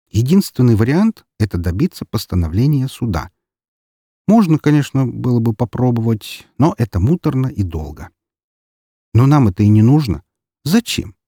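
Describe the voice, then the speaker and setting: Wry male audiobook narrator, dark and dry. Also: lowish voice, slightly rough, no room sound. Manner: dry, wry storytelling with lively intonation. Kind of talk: first-person audiobook narration.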